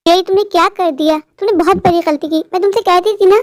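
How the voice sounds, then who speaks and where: A woman's voice: very high-pitched, steady tone, fast, no room sound. Caring cartoon mom, voiced by a woman. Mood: concerned. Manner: gentle, scolding. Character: caring middle-aged mother on the phone.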